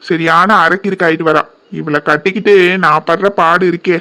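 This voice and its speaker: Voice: mid-range voice, fairly even intonation, normal speed, sharp tone. A performer voicing a grumpy, sleepy husband in a cartoon who grumbles and scolds his wife. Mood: grumbling. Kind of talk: cartoon voice acting.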